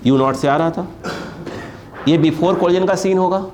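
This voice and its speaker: A man's voice: high-pitched, measured pace, darkish tone, slight background noise. A man teaching physics to a class at a board, stretching key terms and constantly asking students to answer back.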